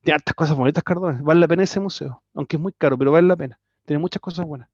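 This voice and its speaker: High-voiced Chilean history teacher. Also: male voice, rapid-fire, darkish tone, husky, no room sound. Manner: conversational, with frequent tag questions and restarts. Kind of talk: online class lecture. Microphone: computer mic on a video call. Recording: dry, slightly dull video call audio.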